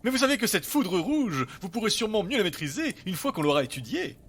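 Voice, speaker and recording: A man voicing an eccentric, fussy elf mad scientist in a fantasy audio story, excitable and exclamatory. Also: high-pitched, quick pace, breathy edge, pitched above the performer's own voice, heavily acted. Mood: excited, eager.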